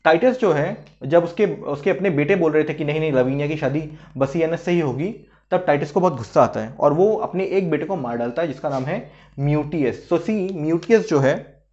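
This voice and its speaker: A man with a slightly high voice talks through a story as a relaxed teacher. He keeps checking in with his listeners and restarts when a name slips. The recording sounds dull and lo-fi. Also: moderate pace. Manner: chatty, frequent "hai na" and "theek hai" check-ins; hesitant restarts while recalling names. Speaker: literature teacher. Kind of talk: casual explanatory lesson.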